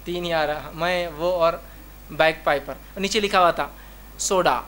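A man's voice: sits high, bright, forceful tone, slight background noise. A man from India speaking, giving a religious lecture full of rhetorical questions and repeated reminders to remember the point. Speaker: Islamic lecturer.

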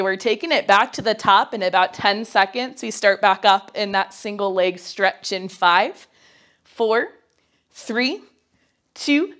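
In a small home studio, a twenties-aged instructor coaches mat pilates as she works through the moves herself. Her medium-pitched, fairly bright voice is nasal from a cold she's recovering from, and she sounds a little winded. She stays chatty and upbeat, counting down to cheer the listener on.

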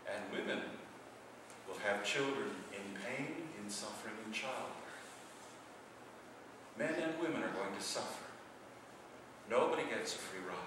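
A middle-aged man, a priest, preaching a sermon with big swings between loud passages and hushed ones. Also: fairly low pitch, noisy background. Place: church sanctuary. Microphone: far camera. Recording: echoey church from far off.

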